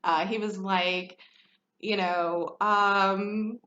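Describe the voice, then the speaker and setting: A woman's voice: mid-range voice, fairly even intonation, drawn-out words, bright, forceful tone. A woman in her thirties talking frankly about her own life, chatty and full of fillers. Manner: chatty and frank, many fillers, laughs often. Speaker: podcast host. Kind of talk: candid personal talk. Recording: echoey room, slightly dull sound.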